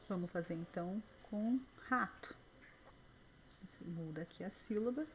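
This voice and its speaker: A woman teaching a screen-recorded software tutorial in a chatty way, full of diminutives and check-ins with the viewer. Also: medium pitch, slight background noise, poor audio.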